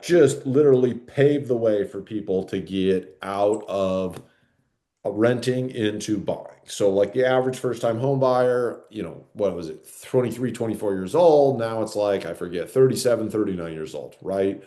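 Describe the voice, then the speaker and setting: A man's voice: fairly low pitch, normal speed, warm tone. A man co-hosting a podcast in casual chat, rambling with lots of fillers and "right?" tag questions. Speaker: podcast co-host.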